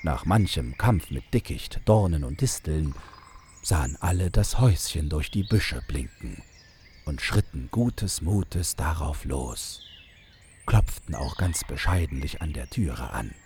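With faint noise behind him, a man narrates a fairy tale in an animated way. His voice is very deep, soft, and dark. He unhurriedly shapes each phrase like a careful storyteller.

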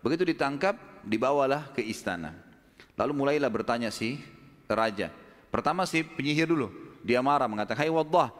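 A male preacher telling a religious story in a lively way, acting out the dialogue and adding casual asides. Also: mid-range voice, brisk, in a large hall. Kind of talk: storytelling sermon.

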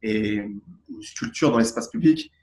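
A man's voice: a little high, big pitch swings, a little slow, gravelly, darkish tone, a little hiss or hum. A man from Tunisia answering interview questions as a guest artist, thoughtful and searching for his words. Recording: roomy echo.

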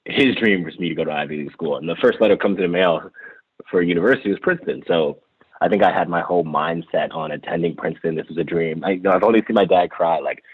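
A man's voice: low voice, fast, husky, no room sound. A young man telling his story as an interview guest, reflective and full of fillers and restarts. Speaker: interview guest, former college lacrosse player. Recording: tinny phone-line sound.

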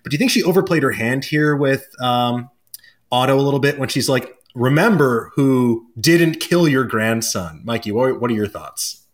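A man's voice: medium pitch, brisk. A man hosting a podcast, talking casually with many hesitations before he passes questions to his guests. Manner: hesitant, filler-heavy, hands off questions. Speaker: podcast host. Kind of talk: casual chat.

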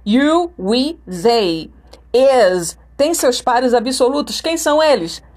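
Brazilian woman, unhurried language teacher who models pronunciation by repetition. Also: high-pitched, big pitch swings, darkish tone. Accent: Brazilian Portuguese. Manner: repeats example phrases to model intonation. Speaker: English teacher. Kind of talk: recorded language lesson.

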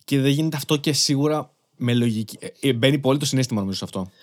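A young man hosting a casual podcast, relaxed and agreeable, laughing along with his guest. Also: mid-range voice. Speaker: podcast host.

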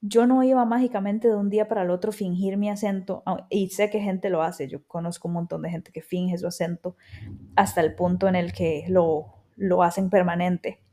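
Warm and on the low side, her voice moves at a normal speed with fairly even intonation. She's a thirty-something podcast host from Costa Rica, accent intact, reflecting aloud in a chatty solo monologue peppered with quoted asides.

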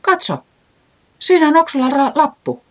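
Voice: high-pitched, pitched above the performer's own voice. A narrator voicing a cheerful, contented forest creature. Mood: curious. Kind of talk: children's storybook reading.

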